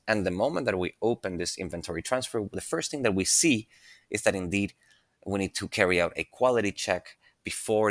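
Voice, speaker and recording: A man with a deep, low voice explains a software task step by step over a screen capture. He sounds relaxed and thinks aloud, with plenty of fillers and restarts. The recording is dry and close, with no room sound. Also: dry recording. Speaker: software tutorial presenter.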